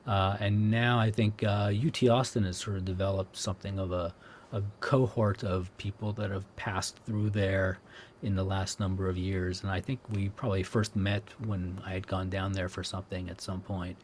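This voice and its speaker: An older man from Southern California interviewing a guest, talking in a relaxed, rambling way with many fillers. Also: low voice, moderate pace, a little hiss or hum. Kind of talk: academic interview.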